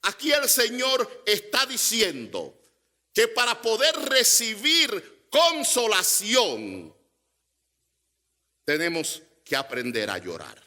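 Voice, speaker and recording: A man's voice: sits high, huge pitch swings, takes it slowly, bright, forceful tone. A man preaching a sermon as pastor, pressing his points with emphatic rising repetitions.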